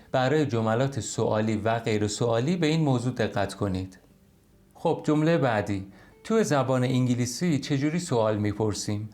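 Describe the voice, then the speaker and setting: Male language tutor, patient step-by-step explainer, mid-pitched voice, online lesson. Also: a little mellow. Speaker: English teacher.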